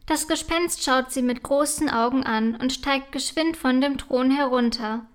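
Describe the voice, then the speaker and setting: A woman narrating a children's story in a calm, clear storytelling manner. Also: high voice, a little slow.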